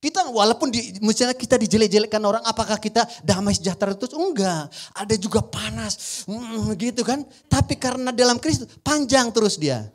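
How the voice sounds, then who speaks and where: A male pastor with a Batak-tinged Indonesian accent preaching a sermon to a congregation, joking and swinging between loud emphasis and quiet asides. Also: high voice, fairly quick, hardly any pauses. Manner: often addresses the congregation as "saudara". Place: church before a congregation.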